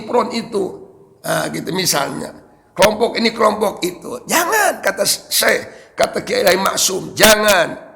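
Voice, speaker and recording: A man's voice: sits high, gravelly, pushed and bright, in a large hall, slight background noise. A man with a Sundanese accent, a preacher giving a religious study lecture to his congregation and explaining Arabic text line by line with joking asides. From West Java, Indonesia. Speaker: Islamic preacher.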